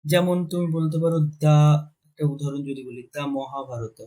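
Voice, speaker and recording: Teaching grammar for an exam, a man who teaches English explains things step by step, posing questions and answering them himself, alternating Bengali with slow English dictation. His voice is slightly high and dark, and the recording quality is low.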